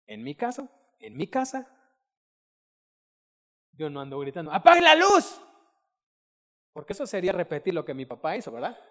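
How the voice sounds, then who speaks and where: Middle-aged guy preaching in church, lively, shouts out bits, big echoey hall. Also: very high voice. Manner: animated preaching with acted quotes and loud shouted bursts. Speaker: pastor. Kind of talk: sermon. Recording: long hall reverb.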